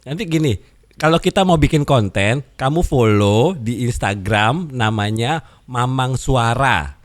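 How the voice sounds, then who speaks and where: A man's voice: mid-range voice, lively intonation, measured pace. A man chatting casually to camera, rambling in slang and bantering with a child nearby. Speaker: content creator.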